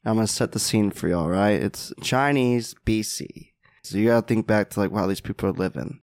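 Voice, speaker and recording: A man's voice: on the low side, normal speed, no room sound. Man telling a story in a dry voice. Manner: animated, says "right?" and "like" often. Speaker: podcast guest, mindset mentor. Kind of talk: casual storytelling.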